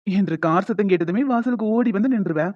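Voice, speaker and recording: A woman voicing a playful young husband who coaxes his wife in an animated story. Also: medium pitch, quick pace, highs cut off, natural voice. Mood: teasing. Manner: playful, coaxing.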